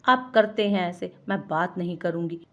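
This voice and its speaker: A woman reading the part of a sensitive, pouty young woman who sulks and takes offense quickly. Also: lowish voice, fairly bright tone. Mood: flustered. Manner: sulky, quick to take offense.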